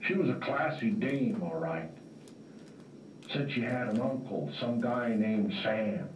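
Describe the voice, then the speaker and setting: A man playing a world-weary hardboiled detective, narrating a film-noir story in a slow, wry, tough-guy drawl. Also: medium pitch, lively intonation, a little hiss or hum. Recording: roomy, distant, dull lo-fi recording with faint music.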